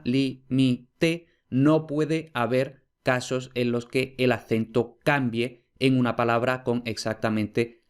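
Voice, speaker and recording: A man giving a recorded lecture over slides, clear and patient, slowing down to spell out example words. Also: mid-range voice. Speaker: Latin philology lecturer.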